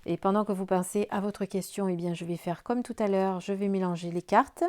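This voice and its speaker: A tired woman talks through a tarot reading to camera at an easy pace. She sounds gentle and reassuring, now and then stumbling over her words and restarting. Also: mid-range voice, steady tone, fairly quick. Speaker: tarot card reader.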